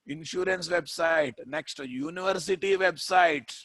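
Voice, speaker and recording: A man's voice: a little high, measured pace, fairly bright tone, no echo, clean studio sound. A man with a Telugu Indian accent lecturing as a programming instructor, repeating phrases for emphasis and prompting his listeners with questions. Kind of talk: classroom lecture with rhetorical questions.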